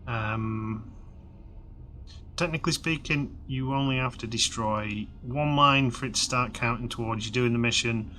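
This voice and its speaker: A man in his thirties, slightly hoarse, rambling casually with lots of fillers while commentating a video game. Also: mid-range voice, unhurried, pushed and bright, slight background noise. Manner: rambling, chatty, many fillers and restarts. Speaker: game let's-play host.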